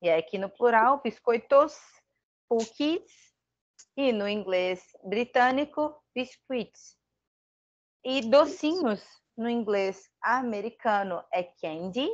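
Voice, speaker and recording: A woman's voice: fairly high pitch, expressive, slow pace, highs cut off. A woman with a Brazilian Portuguese accent giving a casual online English lesson, chatty and thinking aloud with self-deprecating asides. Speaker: English teacher.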